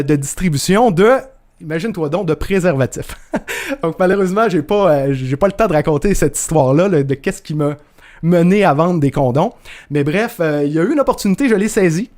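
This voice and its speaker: A man in his thirties from northern Quebec with a Québécois accent, hosting a live masterclass over a video call in a chatty way, full of fillers and restarts. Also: high voice. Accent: Québécois French. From northern Quebec, Canada. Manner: chatty, many fillers and restarts, greets viewers by name. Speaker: masterclass host. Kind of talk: live webinar presentation.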